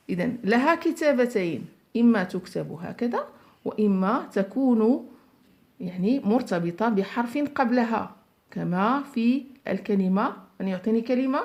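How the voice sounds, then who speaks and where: A woman teaching young children to read, stretching out each word slowly and praising them often. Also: medium pitch, darkish tone. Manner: slow, drawn-out word modelling with frequent praise. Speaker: primary school teacher. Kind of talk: phonics lesson for young children.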